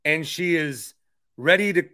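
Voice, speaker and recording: An American man hosting a podcast interview, chatting casually about sports and politics in a rambling way with animated asides. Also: a little high, measured pace. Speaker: podcast host interviewing a guest.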